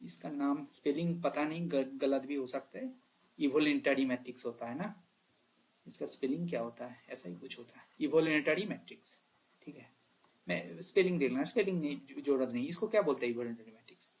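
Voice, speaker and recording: A man's voice: on the high side, fairly quick. A man teaching a math lesson, talking straight to his students, checking in with them often and correcting himself as he thinks aloud. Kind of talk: exam problem walkthrough lesson.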